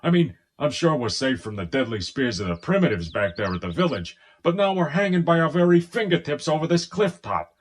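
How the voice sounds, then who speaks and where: A sarcastic exasperated captain. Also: male voice, on the high side, sing-song, brisk, few pauses. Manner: dry sarcastic. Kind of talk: audio drama acting.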